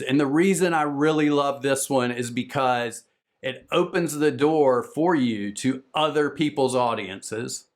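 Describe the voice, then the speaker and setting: A man from the southern United States with a Southern American accent, giving an energetic, fast-talking, salesy conference presentation on podcast business. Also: mid-range voice.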